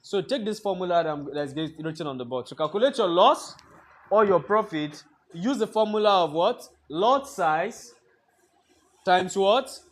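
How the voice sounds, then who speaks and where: A man with a notably high voice leads a trading lesson in a classroom. He lectures and keeps throwing half-finished questions at the students for them to complete. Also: animated, moderate pace. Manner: quizzing the class with fill-in-the-blank questions. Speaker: trading instructor.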